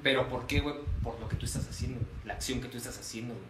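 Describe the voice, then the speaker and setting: A man's voice: mid-range voice, very fast, fairly bright tone. A man with a Mexican accent talking casually in a podcast chat, constantly dropping slang fillers as he explains. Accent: Mexican Spanish. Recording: roomy echo, faint noise.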